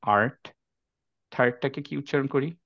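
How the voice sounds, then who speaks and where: A man's voice: medium pitch, normal speed, creaky, a bit bright, no room sound. A man teaching a class on the Quran. He explains step by step, mixes English phrases into his sentences and keeps checking that the class is following. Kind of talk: classroom lecture. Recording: dry, slightly dull lo-fi sound.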